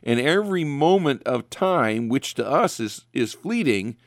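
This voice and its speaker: A man's voice: mid-range voice, very animated, unhurried, dry recording, studio quality. Earnest man explaining theology. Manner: earnest, explanatory, repeats phrases for emphasis. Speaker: guest Bible teacher. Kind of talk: theological explanation on a call-in talk show.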